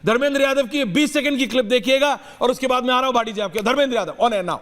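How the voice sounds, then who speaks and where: High-voiced male debate anchor. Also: quick pace, fairly bright tone, in a large hall. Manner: mixes English phrases, emphatic. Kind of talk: TV debate hosting.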